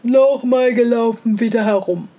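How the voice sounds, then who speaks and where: Woman narrator doing a loud, sneering storybook hare, arrogant and boastful. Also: a little high, moderate pace, close to an everyday voice. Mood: eager. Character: haughty mocking male hare, proud of his long legs.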